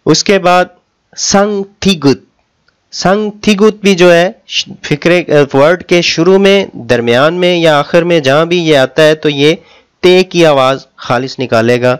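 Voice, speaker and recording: A man teaching a language lesson, repeating each sound slowly and explaining it with patience. His voice sits a little high for a man and comes across smooth and clear. He speaks Urdu as his first language. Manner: slow drawn-out pronunciation drills, patient explaining.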